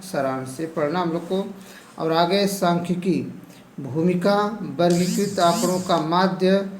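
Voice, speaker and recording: A man's voice: sits high, darkish tone, roomy sound, a little hiss or hum, low-quality recording. A male teacher with an eastern Uttar Pradesh Hindi accent who goes over a syllabus topic by topic and keeps saying "ठीक है". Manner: repeats "ठीक है", lists topics one by one. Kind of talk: lesson going over a syllabus.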